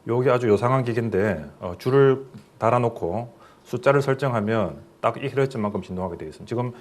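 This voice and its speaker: A man's voice: mid-range voice, expressive, fast talker. A middle-aged man, a professor, giving a recorded lecture in a plain explanatory way, with fillers and questions to the listeners.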